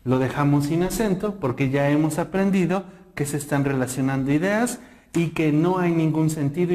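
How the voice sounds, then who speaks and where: A man with a fairly high voice teaches a grammar lesson. He goes through it step by step and slows down to read each example sentence aloud. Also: a little mellow.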